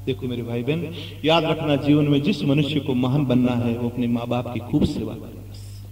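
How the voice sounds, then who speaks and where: A male preacher telling a devotional story sermon in a lively storyteller's manner. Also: medium pitch, moderate pace, slight background noise. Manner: lively storyteller, swings between voices. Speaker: religious preacher. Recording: echoey hall, distant mic, music.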